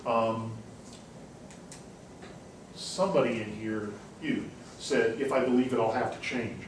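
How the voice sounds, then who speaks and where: In this classroom lecture, a man discusses ideas discursively for his seminar students, often saying "um" and correcting himself. His mid-range voice keeps a measured pace, recorded from a distance in a reverberant room with faint hiss.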